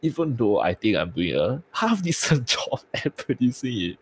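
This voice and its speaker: A man's voice: fairly low pitch, sing-song, moderate pace, slight background noise. A man with a tired-sounding voice, chatting casually on a podcast and swearing freely. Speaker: streamer and podcast co-host.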